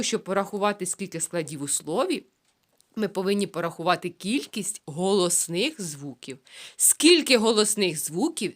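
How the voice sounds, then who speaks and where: A woman teaching a phonics lesson to young children, sounding out words slowly syllable by syllable. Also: medium pitch. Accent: Ukrainian. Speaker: preschool teacher.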